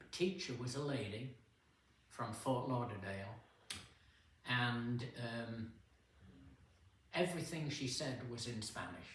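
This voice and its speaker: An older man tells his stories slowly, in a casual and unhurried way, stopping often for fillers. He sounds far from the mic, in a very echoey hall with a faint hiss behind him. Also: medium pitch, a bit bright. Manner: unhurried, anecdotal, with pauses and fillers. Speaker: guest speaker at a men's fellowship. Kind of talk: casual storytelling talk. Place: church hall.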